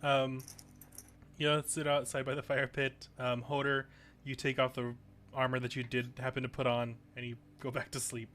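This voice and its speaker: A man narrating as dungeon master of a tabletop game, halting with many ums and restarts. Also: medium pitch, level tone, fairly bright tone, slight background noise.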